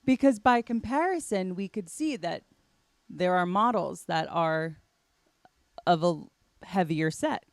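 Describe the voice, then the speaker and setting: A woman's voice: fairly low pitch, lively intonation, unhurried, no echo, clean studio sound. A woman hosting a podcast, talking casually and rambling with many fillers. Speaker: podcast host. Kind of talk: casual chat.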